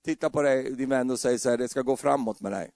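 Gravelly preacher, dark voice. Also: male voice, medium pitch, no room sound, clean studio sound. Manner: humorous, acts out scenes with voices. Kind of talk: lively sermon.

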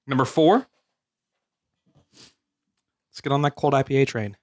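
Playful mid-pitched podcast guy. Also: very animated, slow pace. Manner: playful, enthusiastic list-maker. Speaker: podcast co-host, craft drinker. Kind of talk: casual podcast chat.

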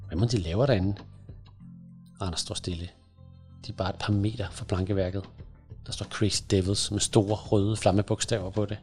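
A man hosting a podcast, reading a crime book aloud and then reviewing it in calm, steady storytelling. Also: fairly low pitch, soft background music.

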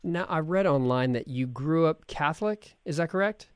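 A man's voice: a little high, moderate pace, clear, resonant tone, no echo. A man hosting a podcast, chatting casually and rambling with many fillers. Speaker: podcast host.

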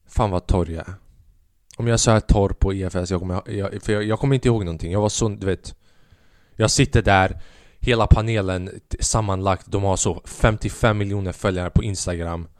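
A man's voice: fairly even intonation, a little mellow, no echo, clean studio sound. Rambling self-mocking young man podcaster. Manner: rambling, self-mocking, acts out quotes in a higher voice. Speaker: podcast host. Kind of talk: casual storytelling monologue.

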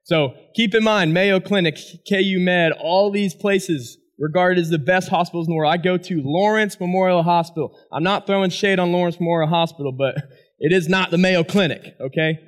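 A man, a former college athlete, giving a personal testimony speech and telling his story with animated energy to an audience. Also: high-pitched, normal speed. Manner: animated storytelling, asks the crowd "right?".

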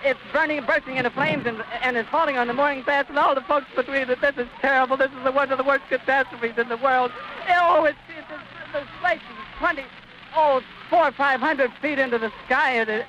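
A man's voice: extremely high pitch, fairly quick, sharp tone. A man reporting live on radio from an airfield, distraught and out of breath, stammering and crying out. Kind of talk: live on-scene radio commentary. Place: outdoors at an airfield. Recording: muffled noisy 1930s archive recording.

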